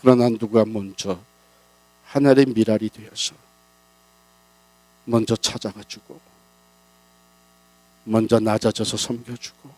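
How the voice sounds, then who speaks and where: Man preaching a revival sermon in church, voice climbing high then dropping soft, dry sound. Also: dry recording, low-quality recording. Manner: dramatic, big swings in pitch and loudness. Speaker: pastor.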